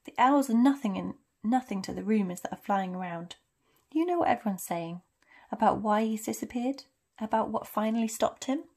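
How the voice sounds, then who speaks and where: A woman's voice: on the high side, normal speed, a little mellow. A woman voicing a stern, proper witch professor from a storybook, clipped, emphatic and easily flustered. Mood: pressing, urgent. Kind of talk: storybook character reading.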